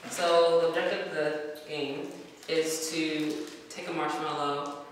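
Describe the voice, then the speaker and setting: A woman's voice: sits low, fairly even intonation, unhurried. A woman in her twenties chatting casually as she hosts a vlog. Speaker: vlogger explaining a challenge. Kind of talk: casual chat. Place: small indoor room. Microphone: camera mic a few feet away. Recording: very echoey, distant, noisy room recording.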